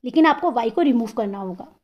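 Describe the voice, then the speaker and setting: A woman teaching an English grammar lesson, explaining patiently and sounding out example words slowly, syllable by syllable, and often checking in with the listener. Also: on the high side, expressive, lo-fi sound. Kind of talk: classroom-style grammar lesson.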